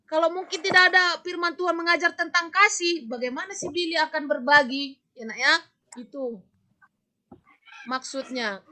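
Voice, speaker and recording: Woman teacher, high bright voice, lively scolding classroom manner, video-call sound. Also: normal speed. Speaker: religion teacher. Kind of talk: online class lesson.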